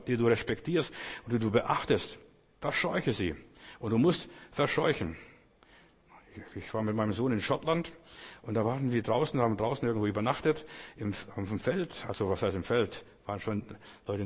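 A man's voice: medium pitch, darkish tone, breathy edge, big-room sound. A man preaching a sermon, addressing his listeners directly in an insistent, exhorting way.

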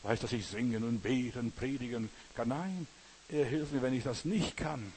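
Male preacher, mid-pitched, earnest and direct sermon delivery, light hiss. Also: moderate pace, darkish tone, low-quality recording. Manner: earnest, addresses listener directly with repeated "verstehst du".

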